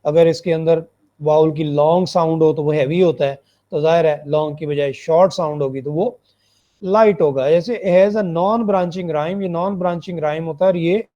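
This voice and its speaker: A male lecturer talks students through a lesson, with a fairly high but mellow voice. He explains step by step, repeats his points and checks that they follow. The recording is muffled and lo-fi. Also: moderate pace. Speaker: phonetics lecturer.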